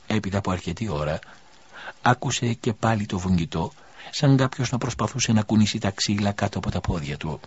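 A man narrating an audiobook in a measured, solemn storytelling manner. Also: on the low side, animated, breathy edge. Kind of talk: scripted narration. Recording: dull lo-fi recording.

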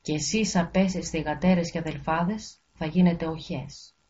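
A woman's voice: low-pitched, steady tone, a little mellow, a little hiss or hum, lightly acted. A woman voicing a wrathful, powerful fairy godmother who speaks in a thundering, menacing voice, on a dull lo-fi recording. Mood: threatening.

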